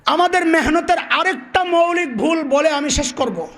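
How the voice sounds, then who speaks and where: A man preaches a sermon. He fires questions at the crowd and has them shout the answers back, and he acts out the people in his stories. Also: very high voice, normal speed. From Bangladesh. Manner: animated call-and-response, quizzing the crowd; acts out characters in dialogue.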